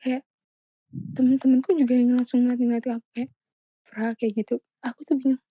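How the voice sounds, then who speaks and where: Young woman guest, animated storyteller, warm low-brightness tone. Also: quick pace, breathy edge, highs cut off. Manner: animated storytelling, many fillers. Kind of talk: casual chat.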